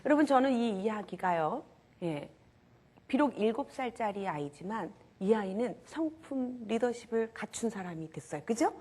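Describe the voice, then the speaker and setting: A woman's voice: a little high, lively intonation, moderate pace, a little mellow. A woman giving a lecture on character education to a live audience, getting them to repeat after her and dropping to a whisper for emphasis. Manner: leads call-and-response with the audience.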